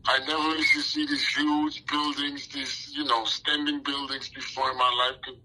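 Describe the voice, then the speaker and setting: A man in his forties, born in Haiti, talks through his answers in a loose, rambling way. He leans on frequent fillers and restarts. His voice is very bright and tense, at a middle pitch. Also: flat delivery, normal speed, low-quality recording. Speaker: interview guest. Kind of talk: casual interview talk.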